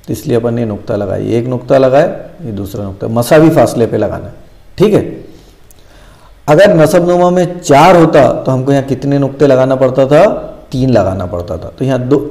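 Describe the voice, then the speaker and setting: A man's voice: medium pitch, animated, fairly quick, creaky, warm tone. A man teaching a math lesson, patiently repeating each step and answering his own questions.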